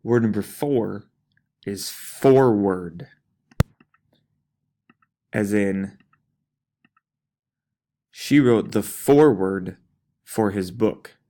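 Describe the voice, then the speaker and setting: A male teacher reads in the manner of a slow school dictation. His voice sits fairly low and moves extremely slowly, with each word set apart and carefully pronounced. Faint noise and clicks sit in the recording. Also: mellow. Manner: deliberate, enunciating each word, pausing between items. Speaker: teacher giving a spelling test.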